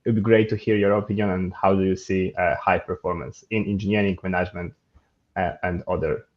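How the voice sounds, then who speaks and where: Male co-host, monotone, low, hesitant, muffled lo-fi sound. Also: fairly quick. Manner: repeats words, hesitant phrasing. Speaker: podcast co-host. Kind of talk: casual podcast conversation. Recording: dull lo-fi audio.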